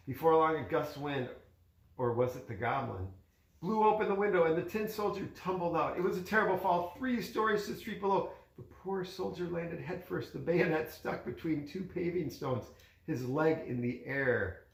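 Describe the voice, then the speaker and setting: A man reads a children's story aloud the way a parent would, chatting conversationally and pointing out pictures to a child in between. His voice is fairly high and gravelly, his pace moderate, and the room echoes.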